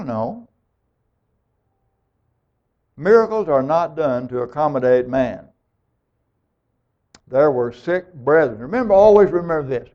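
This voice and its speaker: A man preaching a sermon, emphatic and animated, acting out the people of scripture as he tells them. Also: sits high. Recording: dull lo-fi recording.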